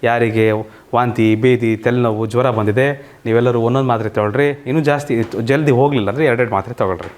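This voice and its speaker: A man's voice: mid-range voice, steady tone, fairly quick, darkish tone. A man teaching children in an online coaching lesson, often asking checking questions and mixing in English words. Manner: quizzing, asks many checking questions. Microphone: single mic, online class recording.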